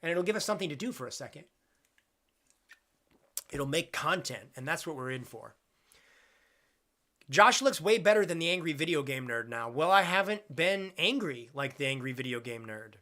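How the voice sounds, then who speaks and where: A man's voice: fairly high pitch, expressive, normal speed, pauses often, bright, forceful tone. A man in his twenties chatting casually on a live stream, reading out viewer questions and rambling with jokes at his own expense. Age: 20s. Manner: rambling, self-deprecating, jokey.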